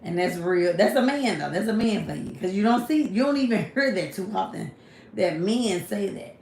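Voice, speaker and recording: A woman's voice: mid-range voice, lively intonation, moderate pace, a little mellow. A woman, hosting a casual livestream. She reads viewers' comments and answers them directly, and she often says "you know what I'm saying.". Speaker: livestream host. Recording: echoey room, faint background hiss.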